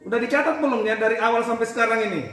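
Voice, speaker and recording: A man's voice: very high-pitched, a crowd in the background. A man with a Makassar accent leading cadets through chant practice in a commanding drill-instructor manner. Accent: Indonesian, Makassar. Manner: commanding, demonstrates chants in drawn-out rhythmic calls. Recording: very echoey room, voice far from the mic.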